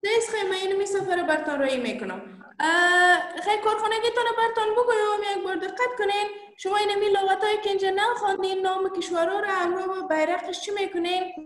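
A woman teaching English, who reads dialogue aloud slowly and talks to her pupils in Dari. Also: very high-pitched, echoey room. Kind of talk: online English lesson.

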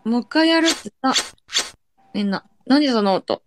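A woman's voice: on the high side, animated, normal speed, background noise. A young woman chatting playfully on a livestream and thanking viewers. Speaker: livestream co-host. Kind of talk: casual livestream chat.

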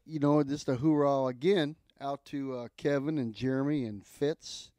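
A man's voice: medium pitch, fairly even intonation, normal speed, warm tone, no echo, clean studio sound. Guy with a lisp, rambly and jokey, cohosting a music livestream. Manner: joking, rambling. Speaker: co-host and musician. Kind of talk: casual chat on a livestream.

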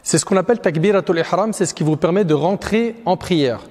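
A man briskly narrating a video demonstration of a prayer, talking directly to his viewers. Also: sits high, a little mellow, long reverb tail. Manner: brisk, direct, opens with formal greeting. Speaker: religious teacher.

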